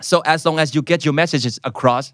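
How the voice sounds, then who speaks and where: A man from Thailand speaks as a guest in a casual interview, slipping English words into his talk. His voice sits a little high and he tells his stories with lively energy. The sound is close and dry. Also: extremely slow, no echo. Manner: lively, animated storytelling. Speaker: guest author.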